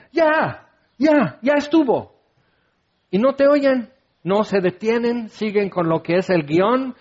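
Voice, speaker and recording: A man preaching a sermon, animated, acting out biblical voices and sometimes shouting. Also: high-pitched. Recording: dull lo-fi sound.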